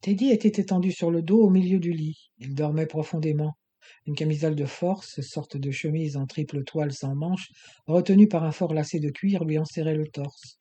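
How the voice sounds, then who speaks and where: An audiobook narrator reading a novel in a steady, even storytelling manner. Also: medium pitch, moderate pace, husky. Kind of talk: scripted narration.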